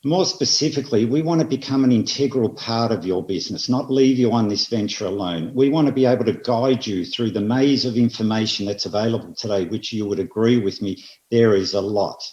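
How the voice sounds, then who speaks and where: Australian man giving a measured seminar talk. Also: lowish voice, a little mellow. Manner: measured, with emphatic repeated phrases. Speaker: industry presenter. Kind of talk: seminar presentation. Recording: roomy, slightly dull audio.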